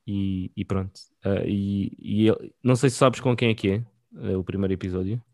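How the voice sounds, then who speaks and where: A man's voice: on the low side, steady tone, normal speed, a little mellow, dry recording, studio quality. A man with a European Portuguese accent chatting casually as a podcast co-host, in informal, slangy language. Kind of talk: casual chat.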